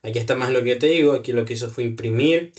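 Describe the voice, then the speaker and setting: A man walks a student through code in a live lesson. He talks aloud as he works, corrects himself mid-sentence and keeps pausing to ask if things are clear. His voice sits at an ordinary middle pitch. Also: darkish tone, dull audio. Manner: patient, checks understanding with frequent "¿ya?"; self-correcting, thinks aloud with fillers. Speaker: programming tutor. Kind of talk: live one-on-one coding lesson.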